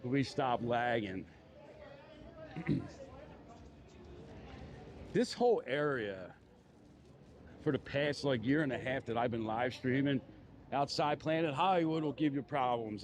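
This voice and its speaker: A man with a Philadelphia accent, chatting casually on a live stream as he walks a city street, rambling and full of fillers like "you know". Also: medium pitch. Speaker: live-streaming walking vlogger. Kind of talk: casual live-stream chat while walking. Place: outdoors on a busy city street.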